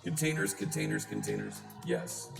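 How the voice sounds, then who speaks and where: A live coding streamer talking through a voice changer that shifts the voice deep, chatting casually with a wry, self-deprecating manner. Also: wildly swooping pitch, moderate pace, creaky. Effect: deep pitch-shifting voice changer. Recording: roomy sound with music behind. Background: background music.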